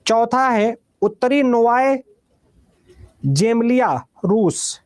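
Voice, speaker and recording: A man with a Bihari Hindi accent teaching a geography class, repeating each item slowly for students to write down and calling them "beta". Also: very high-pitched, no echo, studio quality.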